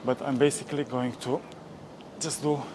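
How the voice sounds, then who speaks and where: Man, fitness vlog, casual self-coaching, winded at times, mid-pitch voice, clear gym ambience. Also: level tone, normal speed, noisy background. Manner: self-motivating, talks between sets. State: out of breath at times. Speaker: fitness vlogger. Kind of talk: casual workout vlog talk.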